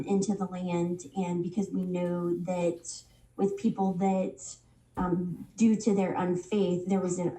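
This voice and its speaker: Getting over a head cold, a woman leads a Bible study casually and unhurriedly, halting with plenty of ums and restarts. Her lowish voice is mellow and dark. She sits back from the mic in a ringing room, and the recording is rough.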